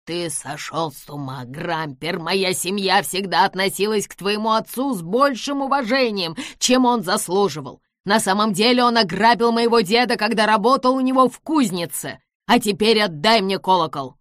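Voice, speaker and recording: A woman voicing an angry, determined man who loudly demands what he wants. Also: on the low side, lively intonation, slow, no echo, clean studio sound. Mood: demanding. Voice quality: forceful, demanding.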